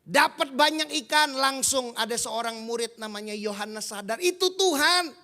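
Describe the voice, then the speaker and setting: Man preaching, bright clear tone, animated storytelling. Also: very high-pitched, moderate pace. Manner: lively storytelling, acting out quoted dialogue. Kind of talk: sermon.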